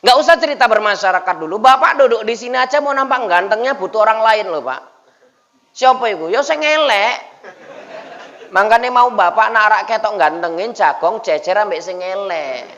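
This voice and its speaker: A male Islamic preacher gives a joking dawn sermon, teasing his listeners at every turn. His voice sits fairly high and carries a gravelly edge. The recording is dull and lo-fi. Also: lively intonation, moderate pace, fairly bright tone, long reverb tail. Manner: jokey, teasing the congregation, frequent "Pak" asides. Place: mosque gathering.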